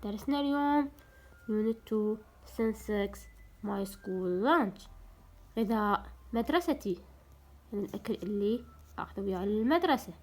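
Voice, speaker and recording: A young woman with an Iraqi Arabic accent teaching a recorded English lesson for young pupils. She explains in Arabic, says the English words slowly and clearly, and asks the children questions. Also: on the high side, animated, a little mellow. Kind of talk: recorded primary school lesson.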